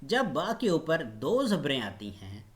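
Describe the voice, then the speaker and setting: A man leads a Quran pronunciation lesson in a slow, unhurried delivery. His pitch moves a lot as he demonstrates each sound, patient and careful with every syllable. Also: wildly swooping pitch. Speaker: Quran recitation teacher.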